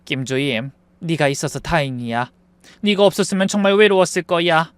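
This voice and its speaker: A man voicing a dying old rich lady, soft and remorseful. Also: fairly high pitch, fairly even intonation, moderate pace, smooth, no echo, close to an everyday voice. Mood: urgent, tender. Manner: soft, weary, apologetic speech. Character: dying elderly wealthy woman, gentle and remorseful.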